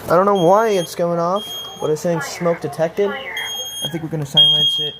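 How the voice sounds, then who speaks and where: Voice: medium pitch, moderate pace. A person giving casual, off-the-cuff commentary at home, with muttered, exasperated asides. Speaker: amateur video maker testing a smoke alarm. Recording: very noisy home recording, alarm clicks.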